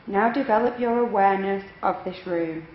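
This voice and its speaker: Echoey woman guiding a relaxation meditation. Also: mid-range voice. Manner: measured, instructional, unhurried phrasing with pauses. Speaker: yoga nidra instructor. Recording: echoey room, dull lo-fi, faint noise.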